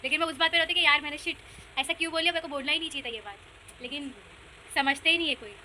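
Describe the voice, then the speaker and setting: A young woman chatting casually in a family vlog, animated and laughing as she tells stories about her sisters. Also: high-pitched, rapid-fire, a little hiss or hum. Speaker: vlogger, eldest sister.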